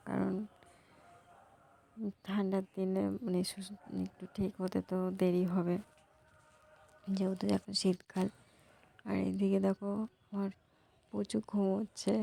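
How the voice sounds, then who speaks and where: A young woman, hoarse from a cold, talking softly to her viewers in a casual vlog. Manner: soft, low-volume talk. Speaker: vlogger.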